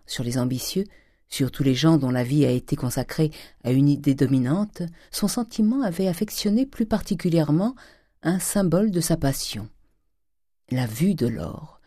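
An audiobook reader narrates a classic novel in a measured, deliberate way. The voice is mellow and warm, at a middle pitch. It is recorded close and dry. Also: no room sound.

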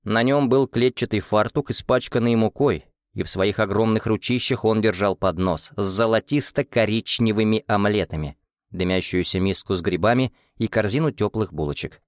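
A man reading a story aloud as narrator in a steady, measured way. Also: fairly low pitch, no echo, studio quality. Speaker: audiobook narrator. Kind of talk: scripted narration.

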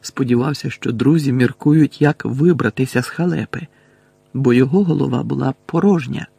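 A male audiobook narrator tells the story in a steady, measured way. His voice is gravelly and somewhat husky, and it sits dry and close to the mic with no room around it. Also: mid-range voice, dry recording.

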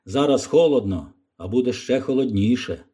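A man's voice: medium pitch, expressive, moderate pace, mellow, slightly rough, pitched below the performer's own voice. A man doing a hearty Texan balloonist. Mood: calm friendly. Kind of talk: audiobook character voice.

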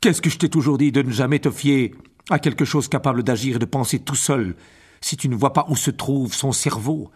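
A man reading an audiobook, voicing a stern, worried father wizard who scolds loudly. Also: medium pitch, a little fast, slightly rough, lightly acted. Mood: scolding.

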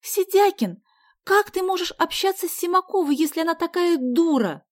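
A quick-tempered schoolgirl, as a woman reading puts her on in an audiobook, scolding in a shrill, high, loud voice. Her pitch jumps about constantly as she exclaims. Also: sing-song. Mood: indignant.

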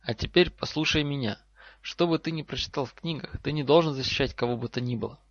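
Мужчина читает за встревоженного отца-профессора, говорит взвешенно и наставительно; запись сухая, немного глуховатая. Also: male voice, mid-range voice, fast talker, no echo, close to an everyday voice. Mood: urgent. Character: worried professor father, earnest and firm. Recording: slightly dull lo-fi recording.

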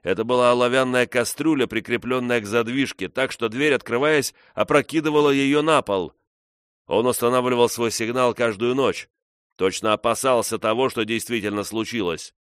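A man's voice: mid-range voice, normal speed, fairly bright tone, clear, resonant tone, no room sound, clean studio sound, voice pushed up, natural voice. A man voicing a frightened accused man who speaks with feverish urgency, in a read-aloud story.

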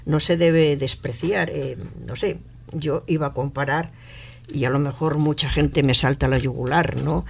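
A woman's voice: low voice, steady tone, unhurried, vocal fry, a little hiss or hum. A woman from Catalonia speaking on a radio panel in a studio, earnest and emphatic, with frequent hesitations. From Catalonia, Spain.

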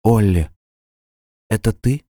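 Man doing a frightened wounded young woman, hushed, pleading, audiobook, dry sound. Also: lowish voice, slow pace, no room sound, voice pushed up. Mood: dreamy.

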